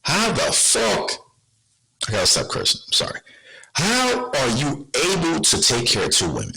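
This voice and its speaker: A man's voice: medium pitch, wildly swooping pitch, fairly quick, vocal fry, bright, forceful tone, husky, rough recording. A man hosting a podcast, talking casually and bluntly to his viewers, full of rhetorical questions and slang. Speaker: podcast host.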